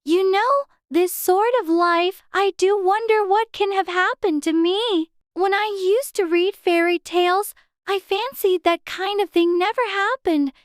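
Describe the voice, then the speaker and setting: A man's voice: extremely high pitch, measured pace, dry recording, clean studio sound, voice pushed up. Alice, a prim little girl, as a man puts her on. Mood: wondering. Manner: prim, wondering, talks to herself. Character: curious, chatty little girl, polite and fretful.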